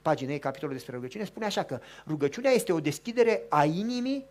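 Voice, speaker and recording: Man preaching, telling a story. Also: a little high. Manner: lively, colloquial, acts out dialogue. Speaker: pastor. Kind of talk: storytelling sermon.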